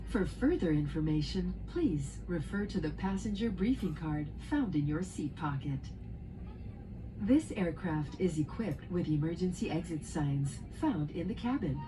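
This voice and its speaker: A woman's voice: lowish voice, noisy background. A woman working as a flight attendant, reading a scripted safety announcement in a formal, instructional way over an aircraft cabin PA.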